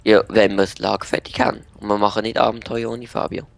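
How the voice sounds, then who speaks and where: A man's voice: on the low side, little pitch movement, fast, vocal fry, soft background music. A young man with a Swiss German accent, matter-of-factly organizing and bossing his friend around while they play a game. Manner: bossy, organizing, matter-of-fact. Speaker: let's play co-host. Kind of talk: casual gameplay chat.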